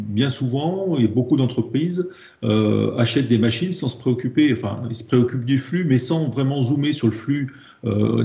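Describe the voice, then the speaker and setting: With vocal fry and a dark tone in a mid-range voice, a French-accented trainer in process improvement talks through slides. He is hesitant and keeps repeating words; the recording is dull and echoey.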